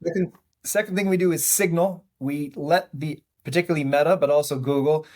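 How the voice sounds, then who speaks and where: A man with a Maine accent, speaking as a founder guest in a podcast interview, relaxed and self-deprecating, explaining at length. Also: on the high side, fairly quick.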